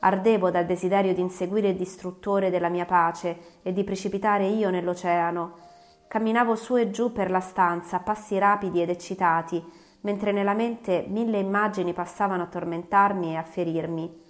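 A woman narrating an audiobook in a measured, dramatic storytelling manner. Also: on the low side, fairly even intonation. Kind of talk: scripted narration.

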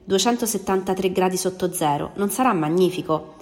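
A woman voicing a male space engineer, pleading and shouting in despair in a storybook reading. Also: fairly low pitch, a little fast, lightly acted. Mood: calm. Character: desperate male space engineer under stress. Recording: long reverb, faint music behind.

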